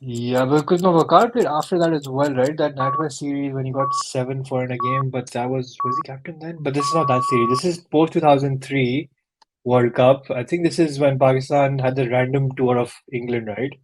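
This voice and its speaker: A man's voice: mid-range voice, fairly even intonation, a little fast, background noise. Man thinking aloud in casual chat. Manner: thinks aloud, hesitant restarts, frequent laughs. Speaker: quiz contestant and co-host.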